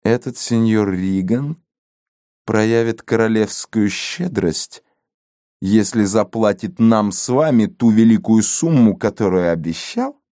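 A man's voice: on the low side, slow, warm tone, dry recording, clean studio sound. A man voicing a pompous, hot-tempered male police chief in a storybook reading. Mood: sarcastic. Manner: indignant, blustering.

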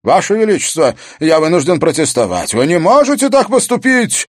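Man voicing a fussy, shrill royal chamberlain. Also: lively intonation, normal speed, darkish tone, no room sound, studio quality, close to an everyday voice. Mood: flustered. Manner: formal, pressing, rising to shrill protest.

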